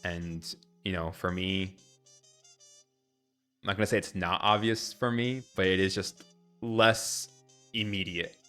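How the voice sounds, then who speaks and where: A man's voice: sits low, fairly even intonation, a little slow, pauses often, sharp tone, faint music behind. A young man from Ecuador chatting candidly on a live stream, rambling and correcting himself as he answers viewers. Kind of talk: casual live-stream chat.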